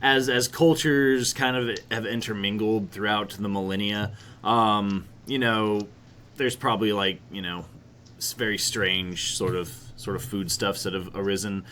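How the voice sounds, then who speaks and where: Low-voiced rambling man running a game. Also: fairly even intonation, measured pace, a bit bright, slight background noise. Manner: rambling, hesitant with many fillers. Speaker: game master. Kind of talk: narrating a tabletop game.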